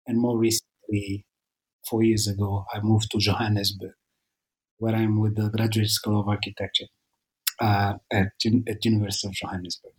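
A middle-aged man with an Angolan accent answers interview questions as an academic guest, haltingly, often repeating words. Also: on the low side, level tone, a little mellow, breathy edge, low-quality recording. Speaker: academic author, podcast guest.

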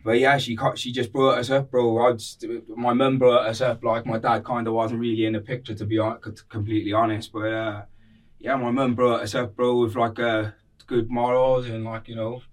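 A Welsh man from Cardiff, speaking as a podcast guest, tells stories in a casual chat. His mid-range voice stays level at a normal speed, picked up far from the mic. His phrasing is slangy and repetitive, full of "like" and "bro."

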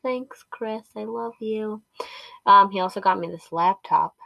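Woman, podcast host, recorded inside a closet, very dry sound, unhurried delivery, rambling asides. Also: mid-range voice, gravelly, no room sound, highs cut off. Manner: rambling, chatty, full of "um" and "anyway" asides. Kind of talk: casual solo podcast chat. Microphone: home sound system and laptop.

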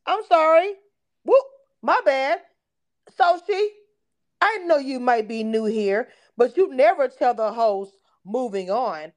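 A woman's voice: sits high, lively intonation, slow pace. Blunt, profane woman host in her forties. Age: 40s. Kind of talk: casual live audio chat.

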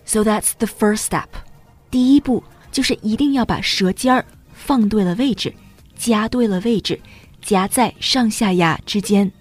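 Woman, English teacher, calm scripted narration, patient step-by-step explaining, faint music behind. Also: medium pitch, a little slow.

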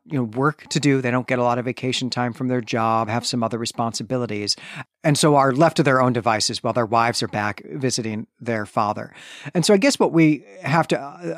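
A podcast host leads a conversational book discussion, recapping and talking through the literature while explaining his reasoning at length in an expository way. His voice is mid-range, and the recording is studio quality with no echo.

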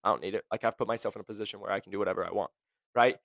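Fired up and fast-talking, a young man hosts a motivational career podcast, bluntly tossing in plenty of "like" and "right?". His voice is of ordinary pitch, creaky and fairly bright, with fairly even intonation. It sounds close and dry, without echo or room.

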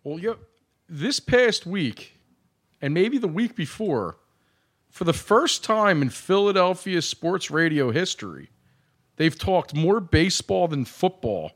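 Man, sports talk co-host, casual, chiming in, slightly high pitch, lively intonation. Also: slow pace. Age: 40s. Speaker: podcast co-host.

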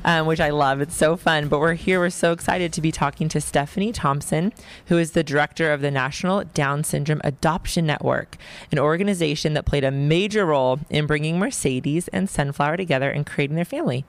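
A woman hosting a podcast introduction in a hoarse voice that is giving out. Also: low voice, brisk. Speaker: podcast host.

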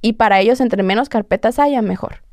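A woman's voice: on the high side, a little fast, darkish tone, dry recording, studio quality. A young woman, a podcast guest telling her own story earnestly, often restarting sentences and acting out what others told her. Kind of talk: personal account in conversation.

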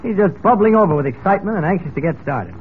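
An actor playing a genial, mild-mannered, easygoing reporter in 1940s radio drama. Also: male voice, high-pitched, expressive, fast. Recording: tinny old radio recording, faint noise.

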